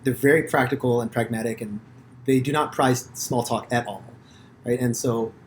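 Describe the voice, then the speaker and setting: A man from the United States hosting a podcast, telling stories in a rambling, profane, animated way with many restarts. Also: mid-range voice, moderate pace, slight background noise. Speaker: podcast host. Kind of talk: casual conversation.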